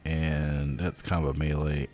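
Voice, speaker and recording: Late at night, a tired gaming streamer yawns and rambles through his plans, swearing casually and filling his talk with fillers. His voice is rumbling low, mellow and a little slow with little pitch movement, and faint music plays behind.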